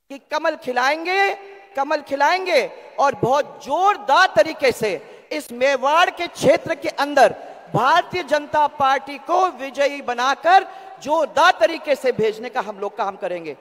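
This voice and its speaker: A man's voice: extremely high pitch, animated, measured pace, a bit bright. A man giving a political rally speech, urging the party workers on with emphatic, repeated phrases. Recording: long PA reverb over public-address system.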